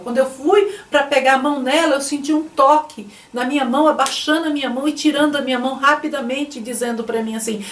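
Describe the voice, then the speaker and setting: A woman with a high voice tells her religious testimony in an emotional, repetitive way. She sits some distance from the microphone, and the room adds a clear echo. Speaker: testimony speaker.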